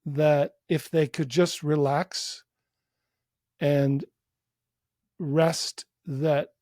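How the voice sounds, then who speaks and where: A man who works as a psychotherapist, guiding a short meditation in a calm, unhurried, gently inviting voice with long pauses. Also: mid-range voice, dry recording, studio quality. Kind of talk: guided meditation within a podcast interview.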